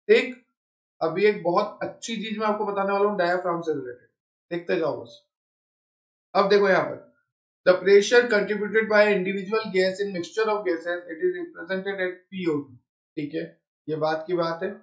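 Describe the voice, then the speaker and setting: High-voiced man lecturing in an echoey room. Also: muffled recording. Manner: explains in Hindi mixed with English textbook terms, asks checking questions. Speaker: biology teacher. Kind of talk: classroom lecture.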